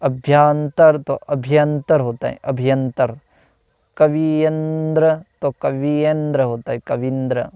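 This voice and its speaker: Slow, gravelly-voiced man teaching grammar. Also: a little high, fairly even intonation, no echo. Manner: slow, repeats each corrected word with "तो ... होता है"; hesitant, with fillers and self-corrections. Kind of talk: reading out a Hindi grammar lesson. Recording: dull, slightly lo-fi dry recording.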